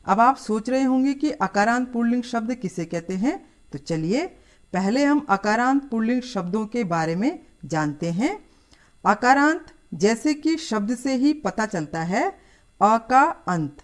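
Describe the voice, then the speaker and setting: Woman, teacher, slow and patient, lively pitch, explaining to children. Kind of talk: scripted lesson.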